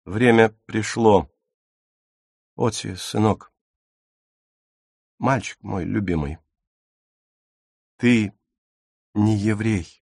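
A man reading an audiobook, voicing a worried middle-aged mother who speaks softly and gently. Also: lowish voice, very slow, gravelly, long pauses, husky, no room sound, clean studio sound, heavily acted. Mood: tender.

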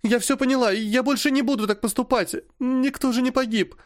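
Guy doing a teen schoolgirl, weepy and begging, voice jumps way up high. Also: steady tone, a little fast, no echo, studio quality. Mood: tearful pleading. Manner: whimpering, pleading. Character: teenage schoolgirl, hurt, tearful and pleading.

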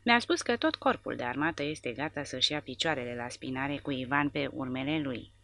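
A woman voicing a male soldier who passes on rumors in a matter-of-fact way, with a gravelly voice. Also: extremely low pitch, lively intonation, bright, forceful tone, exaggerated voice.

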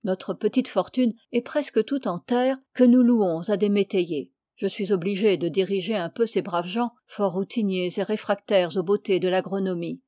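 A woman reading the part of a shy, reserved young country gentleman who answers in short, guarded replies, in a storybook reading. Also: medium pitch, moderate pace, few pauses, no echo, clean studio sound, lightly acted.

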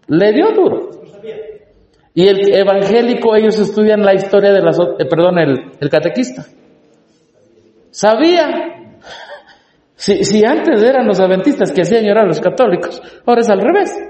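A man lectures a live church audience, earnest and urging as he addresses them directly. His voice sits a bit high but sounds mellow and soft-edged. The sound rings around a large hall, with a long tail of reverb. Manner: earnest, urging, talks straight to listeners.

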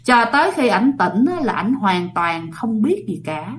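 A woman's voice: mid-range voice, sing-song, measured pace, slight background noise. A woman telling a ghost story casually, talking straight to her listeners. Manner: chatty, addresses listeners directly.

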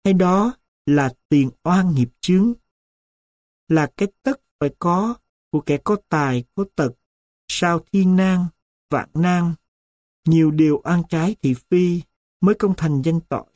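A man's voice: a little high, a little slow, a little mellow, no echo, studio quality, close to an everyday voice. A man reading as a grieving old grandmother at a grave. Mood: pleading. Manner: tearful, pleading prayer to her late husband.

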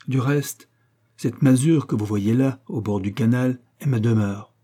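A man's voice: medium pitch, a little slow, warm tone, slightly rough. A man reading aloud, voicing a proud, poor young captain in an impassioned, declamatory way. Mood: earnest confession.

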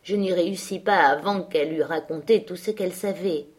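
A woman reading a novel aloud as audiobook narrator, with measured, lowered storytelling delivery. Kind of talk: scripted narration.

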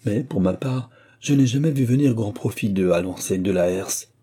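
A man voicing an angry middle-aged innkeeper's wife who scolds in a raised, shrill voice in an audiobook reading. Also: normal speed, dark tone, slightly rough. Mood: furious.

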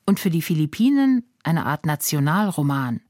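A woman presenting a radio feature in calm, explanatory scripted narration. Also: low-pitched, normal speed, dry recording, studio quality.

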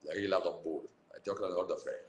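Egyptian man, doctor on a livestream, blunt and emphatic, rapid delivery, roomy echo. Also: deep voice, fairly even intonation, slight background noise. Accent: Egyptian Arabic, Cairo. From Cairo, Egypt. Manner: emphatic, blunt, swings between loud and hushed. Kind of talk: livestream talk answering viewers.

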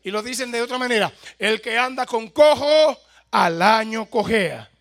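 A man's voice: extremely high pitch, moderate pace, a bit bright. A pastor from El Salvador with a Salvadoran accent, preaching a sermon and questioning his congregation, with amens in between.

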